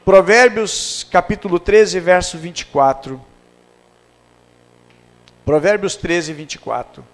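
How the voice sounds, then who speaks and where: A middle-aged male pastor, preaching a sermon and telling family stories with acted dialogue, swinging from loud to hushed. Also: sits high, slow pace, pauses often. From Brazil.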